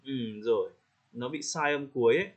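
A man coaching English pronunciation in casual spoken feedback, friendly, slowing down to demonstrate words and laughing lightly. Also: medium pitch. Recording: slightly dull lo-fi audio.

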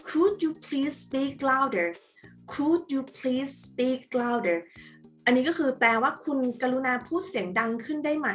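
A woman in her thirties with a Thai accent, a guest speaker giving a bilingual lecture, friendly and encouraging, repeating example phrases slowly. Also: on the high side, fairly bright tone.

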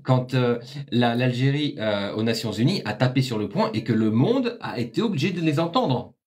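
A man's voice: mid-range voice, expressive, normal speed, a little mellow. A man in his forties, a guest on a radio show, chatting enthusiastically in a small studio. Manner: enthusiastic, agreeing. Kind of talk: casual radio chat.

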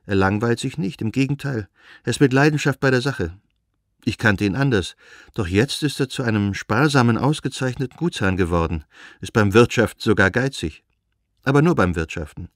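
A man's voice: mid-range voice, expressive, moderate pace, dry recording, natural voice. Man reading young noblewoman Anna, tender, eager, audiobook, close dry recording. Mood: enthusiastic.

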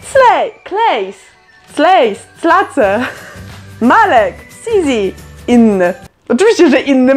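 A young woman casually reading quiz questions aloud and answering them with chatty, sarcastic comments. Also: on the high side. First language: Polish. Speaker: vlogger.

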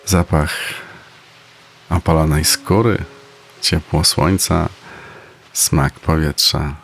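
A man leads a guided meditation in an extremely deep voice with a creaky, gravelly edge. His delivery is soft and soothing, moving slowly with pauses between phrases. Faint music plays behind him. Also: steady tone. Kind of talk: slow guided meditation narration.

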